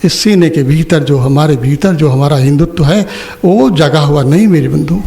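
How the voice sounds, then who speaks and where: A man's voice: fairly high pitch, moderate pace, creaky, mellow. An older man giving a religious discourse, telling a story and asking his listeners questions. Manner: storytelling, asks the audience questions. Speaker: spiritual teacher. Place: ashram opening ceremony hall.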